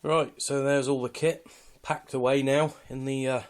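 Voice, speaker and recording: With a mid-range voice at normal speed and a level tone, a British hobbyist talks through his equipment. The walkthrough is casual and unscripted, and he sounds understated, matter-of-fact and a little hesitant.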